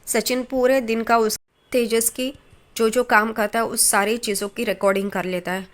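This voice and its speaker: A woman's voice: a little high, little pitch movement, moderate pace. A woman casually retelling a TV serial episode, speaking in plain storytelling with small restarts and reading lines of dialogue aloud. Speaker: TV serial recap narrator. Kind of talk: casual spoken episode recap.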